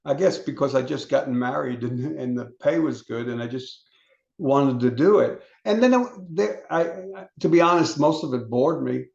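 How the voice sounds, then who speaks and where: A man's voice: medium pitch, normal speed, creaky, a little mellow, roomy sound, lo-fi sound. An older man, a guest on an interview show, telling rambling stories about his music career with frequent restarts and stammers. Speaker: interview guest, solo performer. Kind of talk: casual interview chat.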